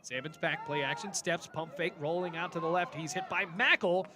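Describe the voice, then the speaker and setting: A man's voice: on the high side, normal speed, crowd noise. A man calling live football play-by-play in clipped, descriptive phrases. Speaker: play-by-play commentator.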